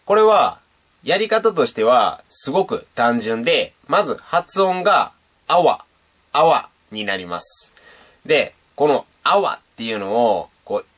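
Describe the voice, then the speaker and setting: A young man, chatting casually as he teaches beatboxing on his channel. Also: medium pitch. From Japan. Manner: chatty and animated, demonstrating sounds. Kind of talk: casual video lesson.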